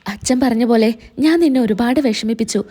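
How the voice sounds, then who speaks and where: A woman's voice: fairly high pitch, fairly quick, mellow, breathy edge. Woman reading as a remorseful bedridden mother-in-law. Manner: regretful, subdued.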